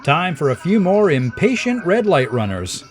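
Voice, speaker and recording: A man's voice: a little high, sing-song, moderate pace. Man narrating over music. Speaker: narrator of a dash cam video series.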